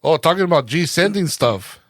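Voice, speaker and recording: A man's voice: fairly high pitch, expressive, fairly quick, fairly bright tone, dry recording, clean studio sound. A man co-hosting a podcast in casual chat, laid-back, dropping "dude" and "man" often. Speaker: podcast co-host.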